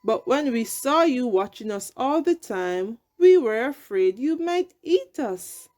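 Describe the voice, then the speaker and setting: A woman's voice: a little high, expressive, slow pace, a little mellow, voice pushed up. A woman voicing an earnest, peace-seeking male storybook fish with a pleading manner. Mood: apologetic.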